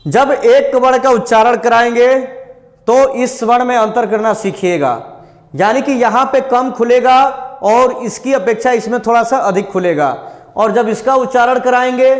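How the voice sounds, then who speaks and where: Male coaching teacher, high voice, classroom drill delivery, long room reverb. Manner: asks questions and answers them himself, drills vowels aloud. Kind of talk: classroom lesson on vowel pronunciation.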